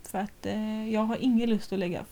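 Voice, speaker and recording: A woman in her thirties chatting casually as a podcast co-host, animated, laughing often and swearing freely. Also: medium pitch. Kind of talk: casual chat.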